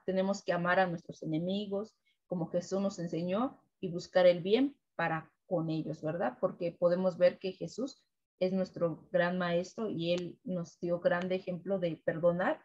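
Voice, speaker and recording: A woman leading a weekly Bible devotional, preaching gently and ending nearly every sentence with a questioning "right?". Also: fairly low pitch, muffled recording. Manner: keeps adding "right?" tags, gentle repetitive preaching. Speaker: devotional co-host.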